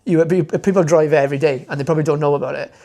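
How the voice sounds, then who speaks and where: Here a young Welshman, fluent in Welsh and making motoring videos, is a guest on a podcast for a casual interview. His fairly high, gravelly, mellow voice holds a steady tone. He speaks rapid-fire, rambling with enthusiasm and peppering his talk with fillers and restarts.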